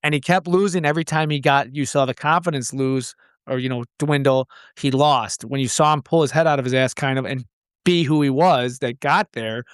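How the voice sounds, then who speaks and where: A man's voice: medium pitch, a little fast, clear, resonant tone, no room sound. Laid-back rambling man, dry close sound. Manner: laid-back, rambling, says dude and like a lot. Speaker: podcast guest. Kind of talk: casual chat.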